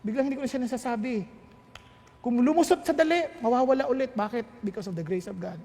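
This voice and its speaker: A man's voice: very high-pitched, fast talker, a little mellow, big-room sound. A middle-aged Filipino man preaching a sermon, mixing languages in a playful, emphatic way. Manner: switches between Tagalog and English, playful and emphatic. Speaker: pastor.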